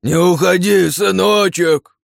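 A man's voice: sits high, slow, gravelly, no room sound, pitched above the performer's own voice, heavily acted. A man doing a gloating, taunting villain. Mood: mocking. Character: mocking cruel red-haired male villain. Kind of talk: audiobook character voice.

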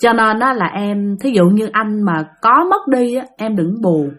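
A woman with a medium-pitched, slightly bright voice tells ghost stories at a somewhat slow pace, her intonation lively. She is a storyteller speaking casually and chattily, sprinkling in filler particles and asides to her listeners.

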